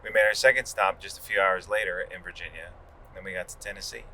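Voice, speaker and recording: Middle-aged man, podcast co-host, matter-of-fact, dry humor, lowish voice, faint car road noise. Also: steady tone, fast talker, pushed and bright, rough recording. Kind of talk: casual chat.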